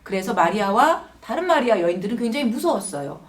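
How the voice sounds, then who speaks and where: Woman teacher giving a kids' sermon, kinda high voice, asks the kids stuff, mic a bit far off. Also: big pitch swings, fast. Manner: gentle, asks children questions. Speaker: children's Sunday school teacher. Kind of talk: children's Easter sermon.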